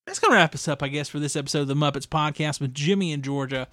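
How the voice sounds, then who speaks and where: A man's voice: on the high side, quick pace, bright, forceful tone, no room sound. A young adult man hosting a podcast, talking casually and rambling through his thoughts. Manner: rambling, with fillers and restarts. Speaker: podcast host. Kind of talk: casual solo podcast review.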